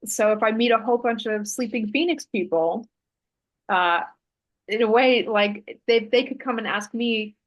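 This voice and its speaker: A woman guest in a relaxed interview, telling a story in a thoughtful, meandering way, with fillers and self-corrections. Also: on the high side, normal speed, highs cut off. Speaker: interview guest, artist and Human Design author.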